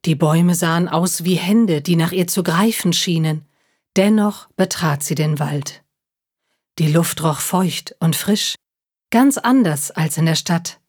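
A woman reading a children's story aloud, calmly and clearly. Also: fairly low pitch. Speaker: reader of children's stories. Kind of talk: slow storybook narration for children.

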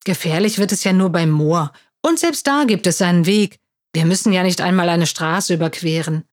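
A woman reading a children's story aloud and voicing a calm schoolboy who gently encourages his friend. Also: fairly low pitch, moderate pace, dry recording, studio quality, natural voice. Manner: soothing, encouraging.

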